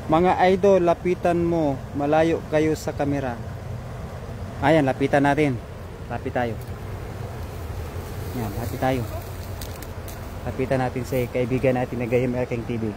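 A man live-streaming a fishing trip from a riverbank on a phone, chatting and giving shoutouts to viewers. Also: mid-range voice, little pitch movement, unhurried, pauses often, background noise. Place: riverbank outdoors.

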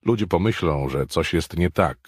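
A man doing a measured, controlling boss. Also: deep voice, expressive, husky, no echo, studio quality, pitched above the performer's own voice. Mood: coaxing. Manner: measured, coaxing.

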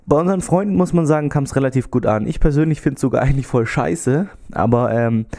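A young adult male YouTuber with a slight cold chats casually in a vlog, holding a handheld mic close in his small bedroom with a TV and gaming setup. He talks fast in a medium-pitched, darkish voice, rambling with many fillers and gesturing as he speaks.

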